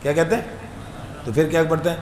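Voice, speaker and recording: A man teaching Quran recitation, his voice sitting a little high for a man. He talks conversationally and draws each letter out in long sung demonstrations. The sound is echoey, with a faint hum underneath. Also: darkish tone. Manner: tells anecdotes with humor.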